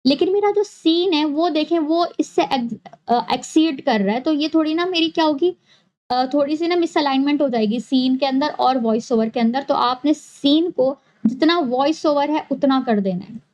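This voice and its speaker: A woman narrating a screen-recorded software tutorial, explaining each step patiently and repeating key points. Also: high-pitched, normal speed, rough recording. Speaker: animation tutorial host.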